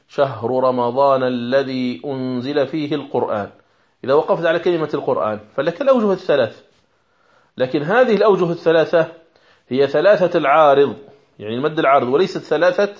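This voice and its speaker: Man, religious lesson on recitation, measured explaining, demonstrates words aloud, muffled lo-fi sound. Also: mid-range voice. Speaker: Quran recitation teacher. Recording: dull lo-fi recording.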